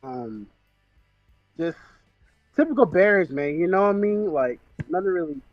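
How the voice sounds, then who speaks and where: Male caller, high animated voice, sound muffled as if through a wall on a dull phone line, halting delivery. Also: no room sound, faint music behind. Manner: halting, with many fillers and restarts. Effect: muffled, as if heard through a wall. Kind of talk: casual call-in chat about football.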